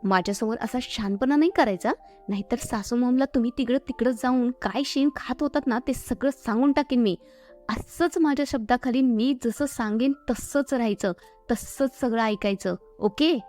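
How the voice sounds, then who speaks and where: A woman voicing a spoiled, bossy young bride-to-be who shouts and taunts, over faint background music. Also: a little high, normal speed, lightly acted. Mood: mocking.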